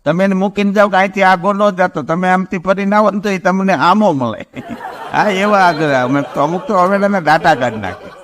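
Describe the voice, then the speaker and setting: A man spins one folk joke after another. He talks in a homely, storytelling way and slows down to stretch out each punchline. The recording was made in a studio. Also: sits high, a bit bright, slight background noise. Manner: folksy joke-telling, drawn-out punchlines. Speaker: stand-up comedian. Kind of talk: Gujarati folk comedy storytelling.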